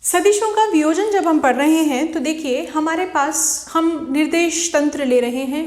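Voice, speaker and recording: A woman's voice: sits high, echoey room. A woman teaching a physics video lecture, asking questions and answering them herself. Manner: asks and answers own questions.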